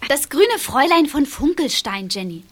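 An actress playing a lively schoolgirl who plots pranks in eager, conspiratorial chatter. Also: sits high, normal speed. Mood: excited.

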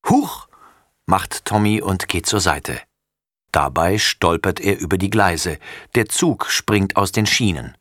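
A man reading a children's storybook aloud in an expressive way. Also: deep voice, unhurried, no room sound, studio quality. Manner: expressive, lively. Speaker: narrator.

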